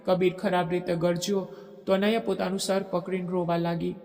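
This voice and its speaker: High, creaky male story narrator. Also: flat delivery, fairly quick, a little mellow. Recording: echoey long reverb.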